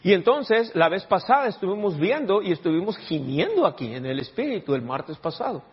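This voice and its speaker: Pastor guy preaching, kinda high voice, keeps asking the crowd "how many understand", muffled recording. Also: sing-song, brisk, husky. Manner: keeps asking the congregation rhetorical questions. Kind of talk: sermon.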